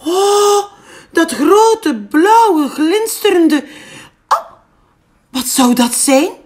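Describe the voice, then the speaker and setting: A woman's voice: very high-pitched, big pitch swings, extremely slow, a little mellow, pitched above the performer's own voice, heavily acted. A woman reading a picture book aloud, voicing a small male frog who squeals with wonder on his first trip. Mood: awed.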